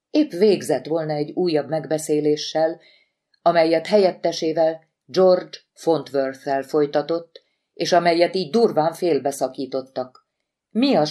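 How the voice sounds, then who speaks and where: A woman narrating a novel in an audiobook, in a measured storytelling manner. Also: low-pitched, warm tone. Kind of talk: scripted narration.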